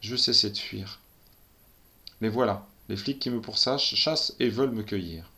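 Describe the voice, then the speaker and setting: A man's voice: fairly low pitch, normal speed, sharp tone. A man reading a first-person story aloud in a tense, breathless storytelling manner. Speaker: narrator.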